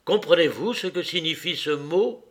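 A man's voice: a little high, normal speed, a bit bright, lightly acted. A man reading as a curious shy young woman.

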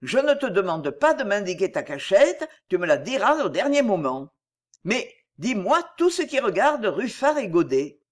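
Brief: a reader plays a sly master criminal, persuasive and confiding, in an animated storybook reading. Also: medium pitch, moderate pace.

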